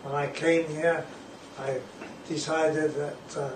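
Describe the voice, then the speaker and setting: Older guy, higher voice, halting, echoey room, lots of noise. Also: level tone. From England. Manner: unhurried, halting with fillers. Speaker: guest. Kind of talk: casual self-introduction. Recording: echoey room, distant mic, noisy.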